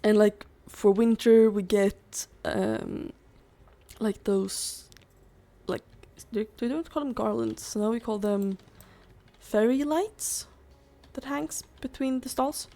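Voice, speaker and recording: A young adult woman with a higher-pitched, mellow voice talks slowly while playing a game for her YouTube channel. She rambles on, saying "like" at every turn, and her voice sounds strained and on the verge of giving out.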